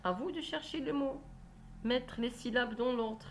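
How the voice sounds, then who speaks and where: A woman teacher talks young children through reading exercises at a slow, deliberate pace. She spells out each instruction clearly and repeats it so no one is left behind. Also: a little high, a little hiss or hum. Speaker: primary school teacher. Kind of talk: reading lesson walkthrough.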